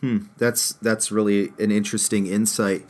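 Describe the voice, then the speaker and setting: Male host, lowish pitch, measured moderator who asks questions with some fumbling. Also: flat delivery, a little mellow. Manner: asks questions, halting with fillers. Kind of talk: moderating a theological discussion.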